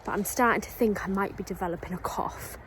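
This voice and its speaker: A woman's voice: mid-range voice, fast, a little hiss or hum. A woman chatting casually into her camera for a vlog, rambling with plenty of ums. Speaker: vlogger. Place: outdoors on a walk, then at home.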